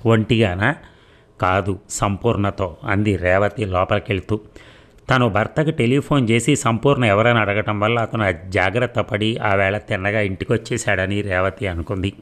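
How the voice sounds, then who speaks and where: A man calmly narrating a story in an even, measured way. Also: fairly low pitch. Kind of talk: scripted narration.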